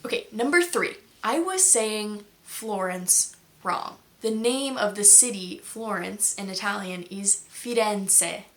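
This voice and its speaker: A woman's voice: medium pitch, lively intonation, slow pace, a bit bright. A woman who hosts a language-learning video channel, chatting casually and explaining patiently with many examples. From United States. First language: English.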